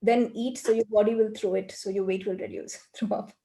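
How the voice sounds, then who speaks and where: A woman leading a group coaching call, explaining earnestly and slipping into quiet, rapid repeated phrases. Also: mid-range voice, fairly even intonation, creaky.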